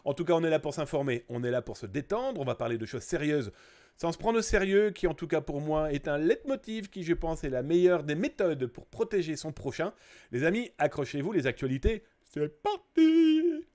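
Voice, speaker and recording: A man's voice: fairly high pitch, lively intonation, fairly quick, a little mellow. A middle-aged man from France hosting a live stream, playfully joking and greeting viewers by name. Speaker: livestream host. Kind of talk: casual live stream chat.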